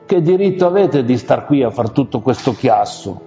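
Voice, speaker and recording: A man's voice: medium pitch, lively intonation, unhurried, warm tone. A man voicing a tiny, bold male gnat who talks back indignantly in a storybook tale. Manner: indignant, cocky. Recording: long reverb, muffled, faint music.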